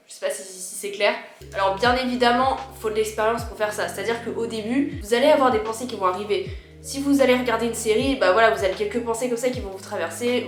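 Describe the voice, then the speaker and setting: Woman chatting advice to camera, informal, slightly worn voice, echoey room w music behind. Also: medium pitch. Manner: informal, explanatory, addresses viewers directly. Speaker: video creator giving personal advice. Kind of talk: casual advice vlog, chatty. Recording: roomy echo with music behind.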